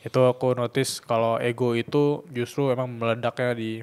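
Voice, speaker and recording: A man's voice: medium pitch, flat delivery, moderate pace, darkish tone, smooth. A young man in his twenties co-hosting a podcast, reflecting casually on his own experience. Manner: reflective, speaks from personal experience. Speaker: podcast co-host.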